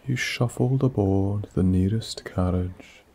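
Speaking in a low pitch with a Scottish accent, a man narrates a bedtime story. His delivery is slow, hushed, and soothing, drifting off into whispers.

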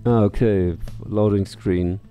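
A middle-aged-sounding man does casual let's play commentary into a headset mic, reading game text aloud, muttering to himself and swearing offhandedly while faint game music plays. His voice is fairly low, steady, slow and dark.

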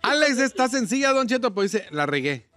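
Lively man reading on-air jokes. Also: very high-pitched, a little fast, no room sound, soft background music. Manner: playful, jokey reading of listener messages. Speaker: radio co-host. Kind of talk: comedy radio banter.

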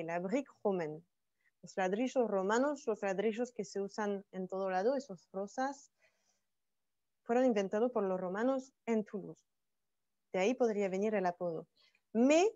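A woman's voice: medium pitch, darkish tone, dry recording. Woman, from France, French teacher, repeats points in Spanish, lo-fi dry recording. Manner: explains each French phrase again in Spanish. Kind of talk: bilingual online lesson, French with Spanish explanations.

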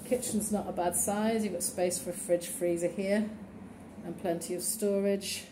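Her mid-range voice steady and her speed normal, a woman estate agent leads a phone-filmed tour through an empty, run-down townhouse, noting features in a matter-of-fact way. Echo from the bare rooms, faint ambience and background noise fill the recording.

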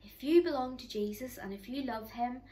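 A middle-aged woman with a Northern Irish accent, leading an online children's church talk from her living room. She speaks to the children directly in a warm, chatty, encouraging way into a close camera. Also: fairly high pitch, normal speed, low-quality recording. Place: living room at home, indoors.

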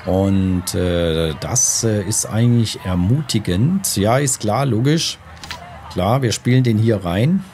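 A man's voice: on the low side, lively intonation, slow, darkish tone. A man giving casual let's-play commentary, thinking aloud and deliberating to himself as he plays. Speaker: gaming host. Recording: faint background game noise. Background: golf game ambience.

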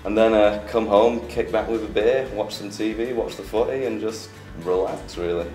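A young man, chatting in a relaxed, upbeat way as an interviewee in a small office. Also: fairly low pitch, normal speed. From England. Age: 20s. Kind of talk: casual interview chat. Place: small office studio, indoors. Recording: echoey room with light music.

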